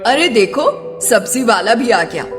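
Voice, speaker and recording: A woman's voice: fairly high pitch, animated, measured pace. Middle-aged mother-in-law, fretful, motherly, cartoon drama, long reverb, music underneath. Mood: instructing. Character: worried middle-aged mother-in-law of two new brides. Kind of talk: Hindi animated moral-story acting.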